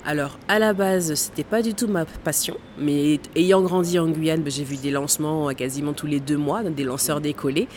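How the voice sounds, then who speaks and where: Her low, slightly mellow voice runs at normal speed with few pauses, over a little hiss or hum. This woman in her thirties, a tour guide at a space center born in Guadeloupe and raised in French Guiana, answers interview questions in an explanatory way, with lots of fillers and some laughter.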